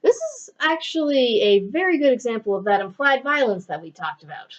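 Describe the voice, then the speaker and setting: A woman co-hosting a casual film review, animated with playful asides, in a dull lo-fi recording. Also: on the high side, a little fast.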